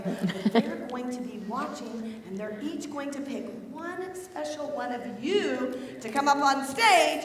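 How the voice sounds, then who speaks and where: A woman leading children through a memory verse with motions, encouraging and teacherly, recited slowly and deliberately on a church stage. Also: high-pitched, a bit bright. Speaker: children's ministry leader. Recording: reverberant church hall.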